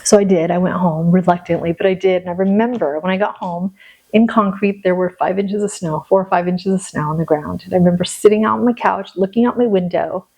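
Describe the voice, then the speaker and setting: A woman from the Seattle area telling a personal faith story in casual conversation, animated and acting out her own prayers. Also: lowish voice, brisk, husky, poor audio. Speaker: podcast guest.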